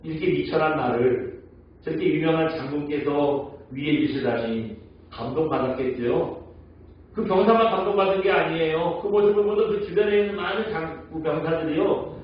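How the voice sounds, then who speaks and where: Korean pastor preaching in an echoey hall. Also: male voice, on the high side. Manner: storytelling, asks the congregation questions. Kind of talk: Sunday sermon. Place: church sanctuary. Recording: echoey church hall, mic at a distance, dull sound.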